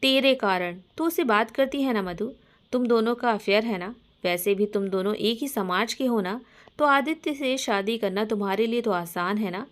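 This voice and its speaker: A woman's voice: on the high side, normal speed, lightly acted. Woman voicing a jealous, accusing young woman. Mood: angry. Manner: accusing, sharp.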